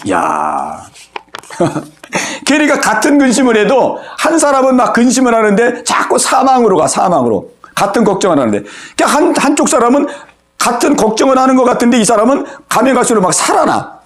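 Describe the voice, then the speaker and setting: Lively high-pitched preaching pastor. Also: male voice. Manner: animated preaching, acts out inner worries and prayers; calls on congregation by name, asks for amens. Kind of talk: sermon. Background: congregation answering amen.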